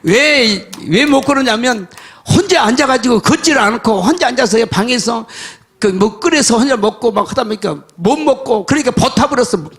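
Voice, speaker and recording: Older pastor guy preaching, high voice, folksy stories, goes from mumbly to shouting. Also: lively intonation, normal speed, vocal fry. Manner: folksy storytelling preacher, swings from soft mutters to shouts. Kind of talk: sermon.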